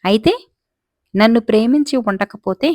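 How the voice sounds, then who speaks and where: A woman's voice: on the high side, moderate pace, a little mellow, no echo, clean studio sound, natural voice. A woman voicing a naive, lovesick young man who insists and boasts about his love. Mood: insistent.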